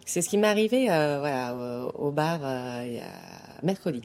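A woman's voice: sits low, normal speed. A woman with a Saint-Étienne French accent, telling stories in a casual group discussion with frequent fillers. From France. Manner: lively storytelling, frequent fillers.

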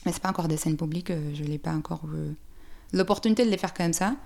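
A woman's voice: low-pitched, fast talker, gravelly, a little mellow. A woman from Brazil speaking French with a Brazilian Portuguese accent, a poet answering interview questions thoughtfully and hesitantly. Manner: thoughtful, hesitant, many fillers and restarts. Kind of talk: interview conversation.

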